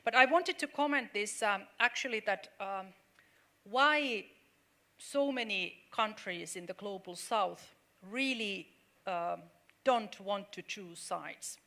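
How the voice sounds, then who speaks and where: On a forum panel, a middle-aged Finnish woman speaks in a bright, forceful, medium-pitched voice. Earnest but halting, she restarts phrases and fills pauses often as she works through her point.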